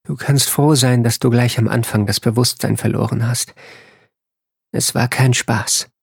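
A composed female ambassador, put on by a male reader, stays level and matter-of-fact whatever happens. The voice is husky and a little lifted in pitch. It sounds close and dry in an audiobook reading. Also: steady tone, a little slow, no room sound. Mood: calm.

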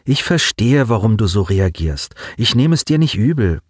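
A man voicing a calm, clever, self-assured teenage girl in an audiobook, raising his voice for her. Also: on the low side, moderate pace, no echo, clean studio sound. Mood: earnest.

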